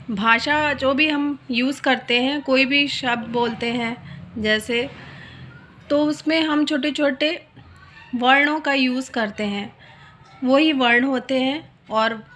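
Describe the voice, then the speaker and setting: A woman teaching a grammar lesson, speaking slowly and repeating key words, stretching sounds to demonstrate them. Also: sits high, pushed and bright, slight background noise. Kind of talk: slow explanatory lesson.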